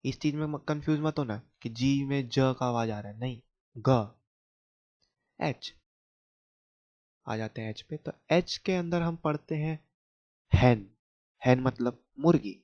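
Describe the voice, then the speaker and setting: A man with an Indian accent teaching children letter sounds in a slow phonics lesson, explaining patiently and checking whether they understood. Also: mid-range voice, a little mellow. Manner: explains patiently, asks questions back to kids. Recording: dull lo-fi home recording.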